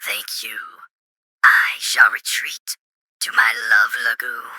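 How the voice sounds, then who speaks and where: A man voicing a lonely, melodramatic blob monster in comedy radio, with drawn-out words that break into whispers. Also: on the low side, little pitch movement, bright, forceful tone, no room sound, heavily acted. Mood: lovelorn. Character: lonely, lovelorn amorphous male blob monster.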